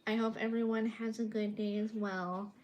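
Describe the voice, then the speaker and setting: A young Californian artist livestreams from her bedroom, showing her paintings and answering viewer comments in a casual chat. She's soft-spoken and a little awkward, with a slightly high voice that barely moves in pitch, at a moderate pace. The recording is rough, with slight background noise.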